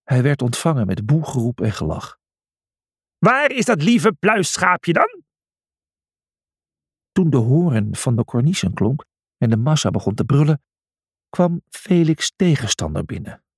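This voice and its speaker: A man's voice: medium pitch, very animated, normal speed, dark tone, breathy edge, dry recording, clean studio sound. A man narrating a children's story audiobook in a dramatic, scripted style.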